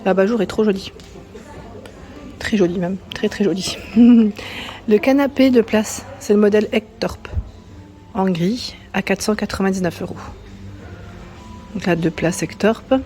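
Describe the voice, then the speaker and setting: A woman's voice: mid-range voice, fairly even intonation, a little slow, long pauses, mellow, soft background music. Chatty woman touring a furniture store. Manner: chatty, reads out prices and sizes, many tag-on fillers. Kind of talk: casual walkthrough chat. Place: inside a large furniture store.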